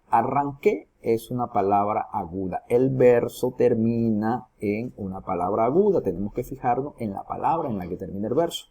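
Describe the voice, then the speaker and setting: A man's voice: fairly low pitch, creaky, dark tone, slightly rough. A man teaching a recorded lesson, explaining each step and asking his students questions as he goes. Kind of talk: recorded lesson on poetry metrics.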